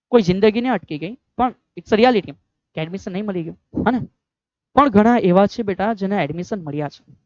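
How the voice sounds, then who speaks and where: A man's voice: high voice, darkish tone, clear, resonant tone, dry recording, lo-fi sound. A man in his thirties with a Gujarati accent teaching an online exam-prep physics lecture, fatherly and full of rhetorical questions. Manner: fatherly, keeps calling students "beta", asks rhetorical questions.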